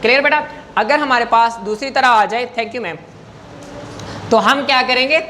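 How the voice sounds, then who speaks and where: A man's voice: very high-pitched, pushed and bright, slight background noise. A man teaching an English grammar lesson in class, patient and coaxing, often checking whether students follow.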